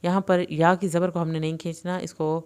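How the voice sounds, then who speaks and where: A woman with an Urdu accent teaching tajweed, alternating clear explanations with slow, drawn-out recitation. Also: lowish voice, flat delivery, a little mellow.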